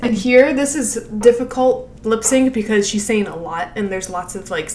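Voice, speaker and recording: A woman's voice: a little high, fairly even intonation, moderate pace, a little mellow, reverberant, slight background noise. A woman giving casual animation feedback, rambling with lots of fillers and frequent laughs. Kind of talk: casual critique over a screen share.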